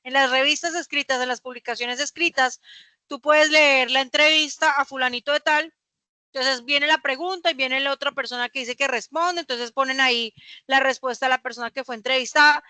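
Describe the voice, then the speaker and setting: A woman's voice: high voice, fairly even intonation, fairly quick, sharp tone, no echo. A young woman, teaching a class and explaining patiently with rhetorical questions. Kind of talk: classroom lecture.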